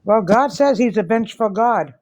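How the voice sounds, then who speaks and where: A woman's voice: fairly high pitch, lively intonation, normal speed, darkish tone. A woman chatting casually as a guest in a live group chat. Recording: very noisy, clicky connection.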